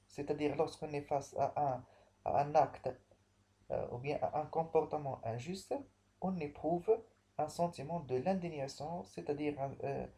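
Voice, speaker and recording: A man teaching a remote language lesson, explaining slowly and repeating himself, with frequent restarts. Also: fairly high pitch, warm tone. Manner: slow, repetitive explaining with many restarts. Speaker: French teacher.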